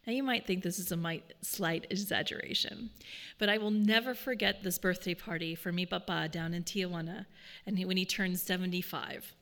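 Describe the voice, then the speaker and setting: A woman gives an earnest, measured talk, weaving personal stories into her points. Her voice is bright and forceful. A long reverb trails behind her, as in a large hall. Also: fairly low pitch, fairly even intonation. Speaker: speaker.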